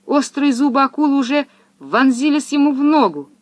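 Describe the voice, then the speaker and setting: Narrator: woman, expressive storybook reading, dry close recording. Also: high-pitched, normal speed, no echo.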